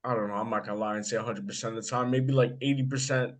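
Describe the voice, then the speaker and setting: A young American man hosting a casual chat, telling animated stories and swearing freely. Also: medium pitch, racing. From United States. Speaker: podcast host.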